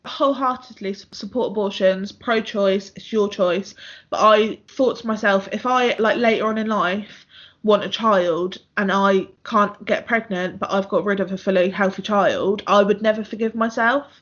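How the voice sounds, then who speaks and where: A woman's voice: mid-range voice, steady tone, moderate pace. Candid young Englishwoman, muffled recording. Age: 20s. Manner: candid and blunt, swears freely, storytelling pace. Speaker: podcast co-host. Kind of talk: casual chat. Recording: muffled lo-fi podcast audio.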